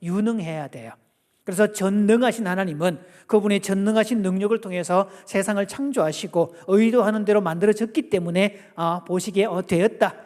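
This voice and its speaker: A man giving a lively church family seminar, playfully asking the audience questions and acting out quotes. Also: high-pitched, a little fast. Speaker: guest seminar lecturer. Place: church sanctuary. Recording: long church hall reverb.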